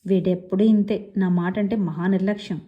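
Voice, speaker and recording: A woman's voice: mid-range voice, steady tone, fairly quick, muffled recording, lightly acted. A woman voicing a sulky, sarcastic teenage girl who whines and mocks. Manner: petulant, mocking.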